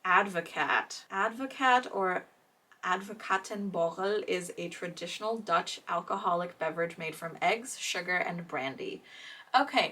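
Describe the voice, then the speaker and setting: A young woman from Romania talks through a casual home vlog with a bright, clear tone. She rambles and giggles, leaning on filler words. Her voice sits a little back from the mic. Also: medium pitch, recorded from a distance. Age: 20s. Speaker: vlogger. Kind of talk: casual vlog unboxing chat.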